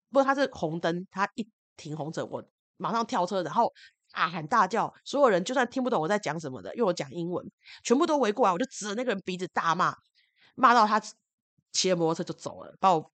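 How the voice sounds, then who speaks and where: A woman hosting a podcast, telling personal stories and advice with lively acted-out quotes. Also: mid-range voice, no echo. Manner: animated storytelling, loudly acts out quoted speech. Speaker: podcast host and spiritual adviser. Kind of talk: personal storytelling monologue.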